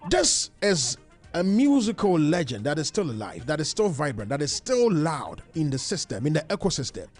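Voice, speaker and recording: A man with a Ghanaian accent hosting a lively call-in debate, interrupting and repeating phrases emphatically as he switches between languages. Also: fairly high pitch, moderate pace, soft background music. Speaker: radio show host.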